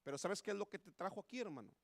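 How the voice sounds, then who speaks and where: A man's voice: sits high, animated, rapid-fire, creaky, no echo. A man with a Mexican Spanish accent preaching a sermon in church, impassioned and repeating "hermano" again and again. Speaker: pastor. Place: church sanctuary.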